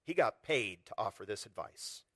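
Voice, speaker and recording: A male pastor preaching a sermon in an animated, conversational way, often asking the congregation rhetorical questions. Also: lowish voice, moderate pace, no room sound, studio quality.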